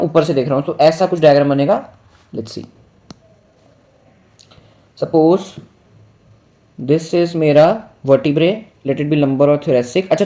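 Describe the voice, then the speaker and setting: A man's voice: a little high, a little mellow. Indian guy teaching anatomy in hinglish, keeps quizzing the students, drags out the key words. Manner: asks the class questions over and over, stretches key terms. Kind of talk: Hindi-English lecture.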